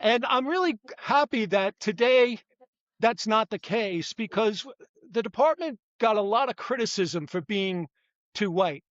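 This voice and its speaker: A man's voice: high voice, lively intonation, measured pace, a bit bright, no echo, dull audio. An older man, a retired police detective, talking as an interview guest in a rambling, self-correcting way. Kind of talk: conversational interview.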